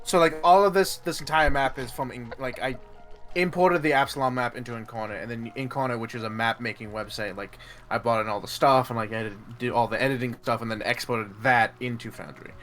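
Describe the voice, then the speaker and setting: A man's voice: medium pitch, fairly even intonation, fairly quick, fairly bright tone, faint music behind. A man running a tabletop game as game master, talking loosely with many fillers.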